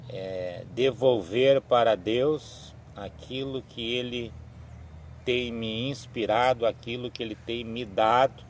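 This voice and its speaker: A man, giving a slow, halting religious reflection on a live stream, with frequent restarts and tag questions. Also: medium pitch, steady tone, a little hiss or hum. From southern Brazil. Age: 60s. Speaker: evangelical live-stream speaker.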